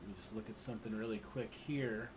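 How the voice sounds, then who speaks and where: A man acting as game master in an online group voice chat, talking in a relaxed, rambling way with lots of fillers. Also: fairly low pitch, quick pace, noisy background. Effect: online group voice chat, connection drops out. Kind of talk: narrating a tabletop game.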